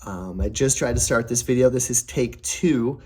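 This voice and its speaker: Talking to camera about family savings, this young personal finance vlogger rambles cheerfully, full of fillers and restarts. He speaks at a moderate pace in a medium-pitched voice that's darkish, slightly rough and prone to cracking.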